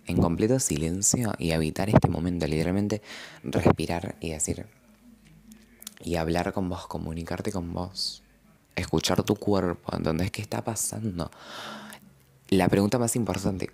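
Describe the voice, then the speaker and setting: A man's voice: deep voice, moderate pace, gravelly, darkish tone. A young man with a Rioplatense accent, rambling reflectively in a casual confessional podcast monologue full of slang. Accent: Rioplatense Spanish. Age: young adult. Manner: gestures and moves while talking. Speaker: podcast host.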